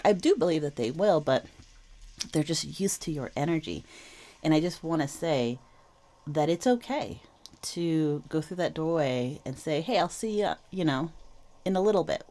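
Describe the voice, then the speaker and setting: A woman's voice: low voice, warm tone. A slightly wheezy woman who is under the weather, giving a reflective, reassuring tarot reading to viewers in a casual, explanatory way. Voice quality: slightly wheezy, with throat clearing. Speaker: tarot reader and channel host.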